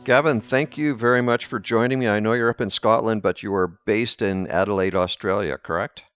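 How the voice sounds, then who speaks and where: A man hosting a podcast, reading a scripted intro and then chatting with his guest in a measured way. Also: on the low side, steady tone, fairly bright tone, faint music behind. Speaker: podcast host.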